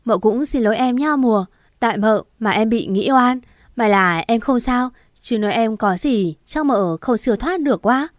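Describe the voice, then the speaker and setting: A woman's voice: fairly high pitch, lively intonation, moderate pace, no echo, clean studio sound, close to an everyday voice. A woman storyteller voicing the tearful, pleading spirit of a young mother, in a choked, sobbing voice. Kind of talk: audiobook story reading.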